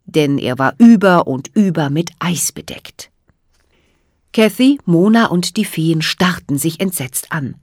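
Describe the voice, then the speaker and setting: Lively woman reading a storybook. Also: on the low side, unhurried, breathy edge, no echo, studio quality. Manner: expressive, dramatic reading. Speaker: audiobook narrator. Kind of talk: storybook narration.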